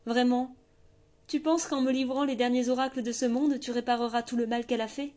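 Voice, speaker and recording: A woman's voice: on the high side, normal speed, close to an everyday voice. Brash mocking king, as a woman reads him. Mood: scornful. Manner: lively, taunting, loud.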